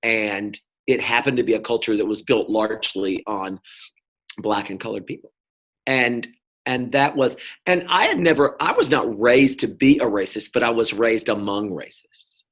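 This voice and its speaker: A man's voice: fairly low pitch, normal speed, fairly bright tone. A middle-aged man from North Carolina, talking as an interview guest in a rambling, casual way, with many fillers and restarts. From North Carolina, US South. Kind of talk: casual conversation.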